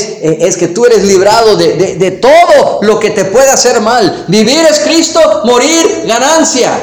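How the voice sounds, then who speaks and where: High-voiced preacher, slow and echoey. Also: male voice. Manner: preaching with emphatic, rising exhortations; reads scripture aloud, then addresses listeners directly. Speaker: pastor. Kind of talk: sermon.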